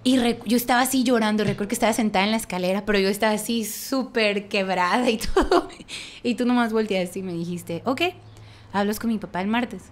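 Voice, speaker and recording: A woman with a Mexican accent, a worship leader, telling a story in lively conversation, laughing often and restarting her phrases with emphasis. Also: medium pitch, a little fast.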